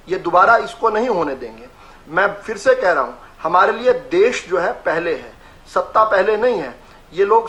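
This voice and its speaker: A man's voice: high-pitched, pushed and bright. A man arguing as a party spokesperson in a heated TV debate, combative and talking over his opponents. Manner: combative, raises voice and talks over others.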